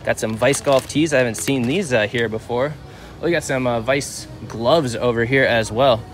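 A man in his thirties hosts a casual vlog, wandering store aisles and rambling with plenty of fillers and self-corrections. The filmer records him indoors on a handheld camera. His voice is mid-range at a normal speed, with soft music in the background.

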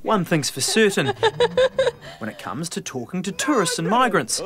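A man's voice: sits high, sing-song, moderate pace, a crowd in the background. A man reading a scripted news-feature narration in a breezy, wry manner. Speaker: reporter narrating.

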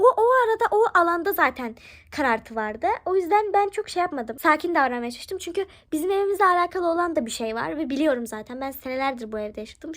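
A young woman vlogger telling a story to camera at home in a chatty, animated way, hushing her voice at the tense parts. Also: sits high. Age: young adult. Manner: animated, chatty, drops to a hush at tense moments. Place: home living room.

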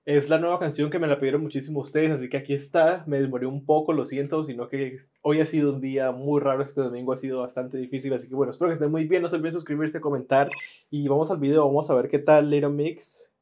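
A man's voice: fairly high pitch, steady tone, fast, warm tone. A man hosting a casual reaction video, enthusiastic and often repeating words as he searches for them.

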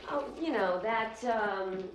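A woman's voice: mid-range voice, takes it slowly, a little hiss or hum, lightly acted. An actress playing a distracted, rambling woman who hopes to have a baby. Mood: teasing. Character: scatterbrained woman hoping for a baby. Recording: roomy film sound from a distance.

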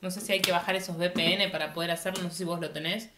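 Argentine woman in her 30s, fast and bright, chatting in an echoey room. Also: fairly low pitch, fairly even intonation, a little hiss or hum. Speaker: reaction video co-host. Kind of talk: casual reaction chat. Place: small home room.

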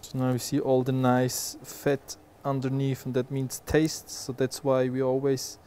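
A man's voice: medium pitch, unhurried, smooth. Chef explaining a dish as he cooks. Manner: relaxed, explanatory, frequent "uh" fillers. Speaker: head chef. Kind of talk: explaining a dish while cooking. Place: large restaurant kitchen. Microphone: lapel.

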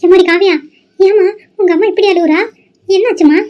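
A woman voicing a shrill, alarmed middle-aged aunt in a cartoon. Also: a little fast. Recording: dull lo-fi sound.

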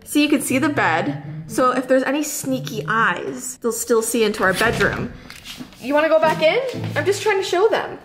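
A woman's voice: sits high, very animated, moderate pace. The room echoes strongly around a young woman. She talks like a casual vlogger, chatty and informal, leaning on "like" as she goes. Faint music sits behind her. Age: young adult. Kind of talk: casual vlog storytelling. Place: echoey bedroom with little furniture, indoors. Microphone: camera held or set at about arm's length.

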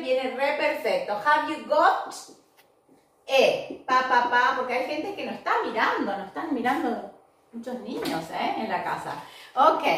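A woman teaching kids English online, her high voice swooping up and down as she models words slowly and cheerfully. She sounds far from the mic in a very echoey room. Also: fairly bright tone. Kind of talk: online class for children.

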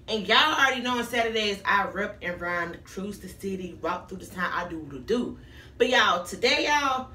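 A young American woman with a raspy voice chats casually and emphatically to her vlog viewers, repeating phrases for effect. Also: mid-range voice, bright, forceful tone, recorded from a distance, slight background noise. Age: young adult. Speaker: vlogger. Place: small tiled bathroom. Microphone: camera a few feet away. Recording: echoey room, away from mic.

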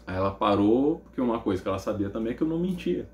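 A man with a Brazilian Portuguese accent preaching, telling a personal testimony as an animated story and acting out the dialogue. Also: fairly low pitch, very fast, roomy sound, slight background noise.

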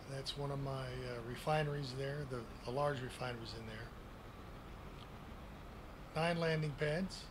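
A man in his sixties with a folksy grandpa manner talks through a game tour in plain, casual language. His delivery is unhurried and his pitch sits in an ordinary male middle range. He speaks into a desk microphone, with clear noise on the home recording. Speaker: gaming video creator giving a base tour.

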